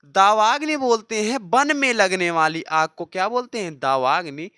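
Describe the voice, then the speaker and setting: A teacher running an exam-prep lesson, who reads each answer option aloud as a question, checks in with frequent "okay"s, and repeats key answers slowly for drilling. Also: mid-range voice, animated, bright, forceful tone, clear, resonant tone, no echo, clean studio sound. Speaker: Hindi teacher for exam preparation.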